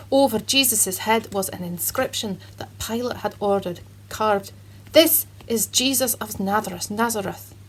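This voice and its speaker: A woman voicing a cheerful Scottish man who tells a Bible story to children in an earnest, dramatic way, with a husky voice and a put-on Scottish accent. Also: mid-range voice, slight background noise, natural voice, rough recording.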